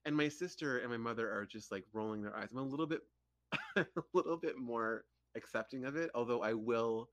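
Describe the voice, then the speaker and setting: A man's voice: mid-range voice, fairly quick, dry recording. A man chatting casually as a podcast guest, telling funny stories and acting out the quotes. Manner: animated storyteller acting out quotes. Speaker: guest, social media storyteller.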